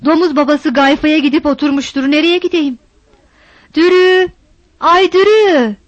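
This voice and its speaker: Woman playing a panicky village mom yelling for her daughter, shrill, dry dull recording. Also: normal speed, dry recording, lightly acted. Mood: frantic. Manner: shrill, scolding and calling out. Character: frantic scolding village mother searching for her daughter.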